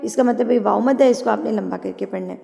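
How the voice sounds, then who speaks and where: A woman teaching Quran recitation, chanting words slowly and then explaining patiently with repeated corrections. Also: medium pitch, creaky, mellow, big-room sound. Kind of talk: online tajweed lesson, explaining between recited words.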